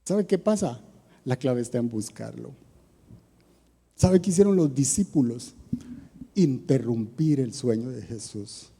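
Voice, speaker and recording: Man, Costa Rican accent, sermon, conversational questions, dark mellow tone, long church reverb. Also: mid-range voice, lively intonation, a little slow, creaky, long pauses, husky. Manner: conversational preaching with rhetorical questions. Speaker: preacher.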